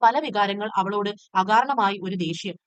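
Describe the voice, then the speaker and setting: A woman tutor reading a textbook short story aloud in a steady, measured storytelling way. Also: mid-range voice, clean tone, no echo, highs cut off.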